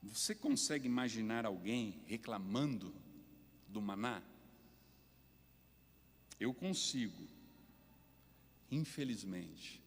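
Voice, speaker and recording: A Brazilian pastor, a man with a low voice, preaches at an unhurried, measured pace. His deliberate delivery climbs into emphatic peaks, and long church reverb trails every phrase. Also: very animated. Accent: Brazilian Portuguese. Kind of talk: sermon. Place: church sanctuary.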